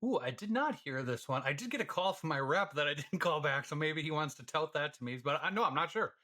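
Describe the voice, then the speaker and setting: A man's voice: a little high, expressive, a little fast, bright, forceful tone. A man co-hosting a casual podcast, who talks hesitantly with stammered restarts and laughs easily. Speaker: podcast co-host. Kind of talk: casual chat.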